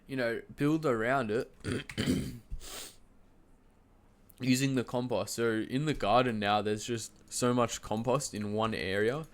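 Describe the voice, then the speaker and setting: Congested and nasal from a cold, this young man talks in a mid-range voice with a steady tone and a slow pace. He's on his feet and moving about at his home streaming setup, telling his live stream chat a story in a loose, chatty ramble packed with fillers and restarts, laughing partway through sentences.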